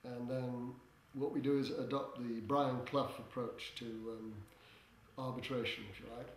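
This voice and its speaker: An older man answering interview questions as a theatre director, in a hesitant, halting way with droll, tongue-in-cheek humour. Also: medium pitch, level tone. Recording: echoey room with background noise.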